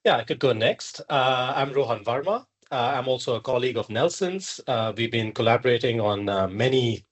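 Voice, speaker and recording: A man's voice: medium pitch, animated, moderate pace, few pauses. Man, 30s, from india, researcher, casual, video call. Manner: casual, with fillers. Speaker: architecture researcher.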